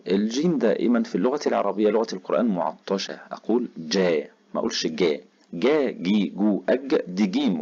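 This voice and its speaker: Deep husky Egyptian teacher. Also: male voice, a little mellow. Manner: slow, deliberate demonstration of letter sounds. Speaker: Quran recitation teacher. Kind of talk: tajweed pronunciation lesson. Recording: dull lo-fi recording.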